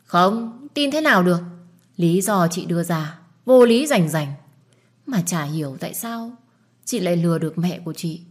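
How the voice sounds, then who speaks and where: Woman reading a nosy pushy young girl, husky lowish voice, bossy. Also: expressive, dark tone. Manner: pushy, quick to scold. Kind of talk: audiobook dialogue.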